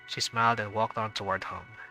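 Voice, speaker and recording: A gaming streamer reads a visual novel's narration aloud, dropping in chatty asides and hesitating with fillers when unsure. His voice is on the low side, level, brisk and sharp, over soft background music in a rough recording.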